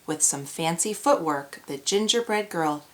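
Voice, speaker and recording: A woman's voice: lowish voice, expressive, measured pace. A woman storyteller reading aloud to children, with an exaggerated, cheery child-directed delivery and questions put to the young listeners. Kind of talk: animated children's read-aloud.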